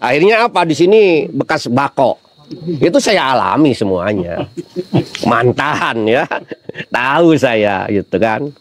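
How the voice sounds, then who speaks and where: This middle-aged preacher has a mid-range voice and is very animated, though he talks a little slowly. His casual sermon is full of humorous anecdotes and rhetorical questions aimed at his listeners, delivered like a chatty storyteller.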